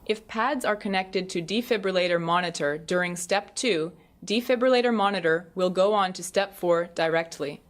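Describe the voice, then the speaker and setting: A woman reading a scripted product tutorial in a measured, step-by-step explanatory way. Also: lowish voice. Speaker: instructional video narrator. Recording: roomy, distant, clearly noisy recording.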